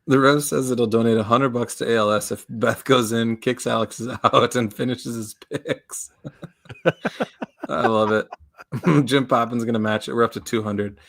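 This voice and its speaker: A man's voice: medium pitch, normal speed, creaky. Chuckling man reading chat comments. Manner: chuckling, reads out viewer comments in a lively way. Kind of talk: casual sports betting podcast chat.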